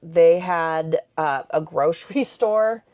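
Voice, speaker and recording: A woman's voice: low voice, slow pace. Chatty woman recapping, lo-fi sound. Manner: chatty, relaxed, with fillers. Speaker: vlog co-host. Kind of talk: casual sit-down recap chat.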